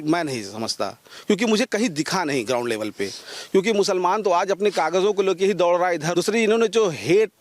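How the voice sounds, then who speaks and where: A man answers a street interview in a calm, measured tone. His voice sits a little high. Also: no echo.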